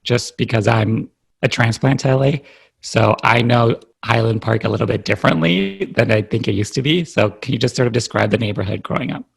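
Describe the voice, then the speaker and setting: A man hosting a podcast, asking his guest measured, scripted-sounding interview questions. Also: fairly low pitch, fairly even intonation, vocal fry, husky. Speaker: podcast host.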